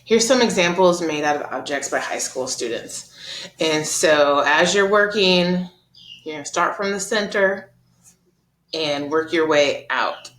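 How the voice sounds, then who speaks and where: A woman with a low voice talks students through an art lesson over slides. She explains in a relaxed, chatty way, often pausing on um and uh. The recording is roomy and echoey. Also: a little hiss or hum. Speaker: art teacher. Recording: roomy echo.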